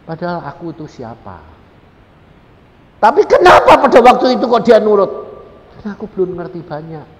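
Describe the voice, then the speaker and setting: A man, preaching a storytelling sermon, dramatic and swinging from hushed to loud. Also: sing-song, fairly quick, pauses often. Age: 60s. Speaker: evangelist preacher. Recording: reverberant hall, faint rumble.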